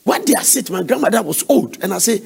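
A man's voice: high voice, animated, quick pace, creaky, a little mellow, slightly rough. A man preaching an earnest sermon, exhorting and telling family stories. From Nigeria.

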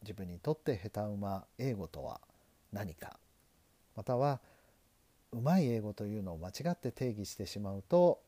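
A middle-aged lawyer from Japan hosting a solo podcast, talking in an earnest, self-deprecating, measured way. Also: male voice, on the low side, expressive, dark tone, no echo. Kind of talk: solo podcast talk on learning English.

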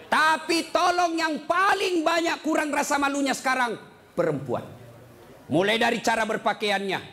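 A man's voice: very high-pitched, normal speed, vocal fry, bright, forceful tone. A man preaching a humorous sermon to a live audience, joking and asking emphatic rhetorical questions.

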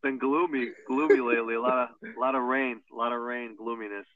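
A man's voice: medium pitch, fairly even intonation, brisk, a crowd in the background. A man with a Chicago accent co-hosting a podcast in laid-back, profane banter. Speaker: podcast co-host. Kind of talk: casual chat. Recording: tinny phone-like line, dry.

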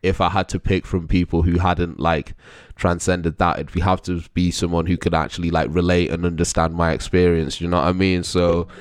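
A young London-accented vlogger rambles through some casual commentary, slangy and often breaking into chuckles. His low-pitched voice is flat, brisk, clear and resonant, captured in studio quality with no echo.

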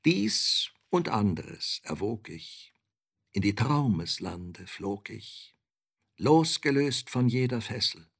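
A man giving a theatrical poetry recitation, sinking to hushed murmurs and rising to impassioned outcries. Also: fairly low pitch, sing-song, slow, breathy edge.

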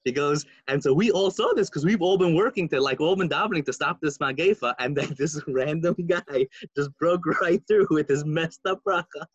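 A man telling a story in casual chat, animated and full of fillers, putting on voices for the people in it. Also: fairly high pitch, moderate pace, few pauses, husky, dry recording, highs cut off.

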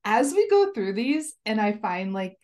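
A woman co-hosts a podcast in relaxed conversation. She giggles often, talks in a chatty way, and fills her sentences with "um" and "like." Her voice sits at a middle pitch. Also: a little slow. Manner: giggly, chatty, lots of fillers. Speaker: podcast co-host. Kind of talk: casual chat.

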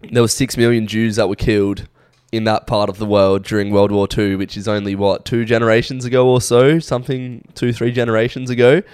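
Young Aussie bloke, podcast host, rambling casual storyteller, smooth low voice, dry sound. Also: male voice, a little mellow, dry recording. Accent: Australian. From Australia. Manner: laid-back, rambling storytelling with many fillers. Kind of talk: casual chat.

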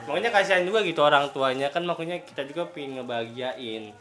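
A man's voice: a little high, quick pace. A man co-hosting a casual chat, joking in slangy talk and laughing often. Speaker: podcast co-host.

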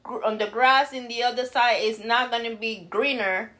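A woman's voice: a little high, steady tone, normal speed, pushed and bright. A woman co-hosting a casual talk show, swearing freely and slipping Spanish words into her chat.

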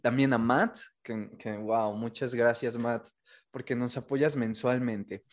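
A man's voice: mid-range voice, fairly even intonation, takes it slowly. A man with a Mexican accent co-hosting a casual chat, thanking supporters and teasing with frequent laughs. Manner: laughs often, playful teasing. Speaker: podcast co-host.

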